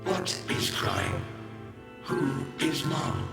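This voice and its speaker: Male defense robot, fuzz distortion, clipped robotic delivery, roomy echo, even mid pitch. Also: extremely slow, vocal fry, exaggerated voice. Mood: flat. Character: male military defense robot, flat and dutiful. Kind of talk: video game voice acting. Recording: echoey game audio over loud music. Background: loud game music.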